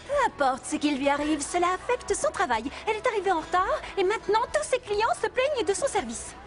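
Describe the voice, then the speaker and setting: A woman's voice: extremely high pitch, very animated, brisk. A woman voicing a haughty, prim teenage girl in a cartoon dub.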